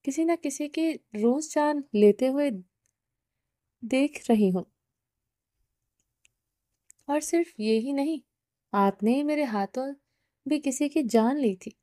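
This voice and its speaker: Lady doing a young woman crying and begging, high mellow voice, dry audiobook read. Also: long pauses, no room sound, lightly acted. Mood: tearful. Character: young woman, heartbroken and pleading.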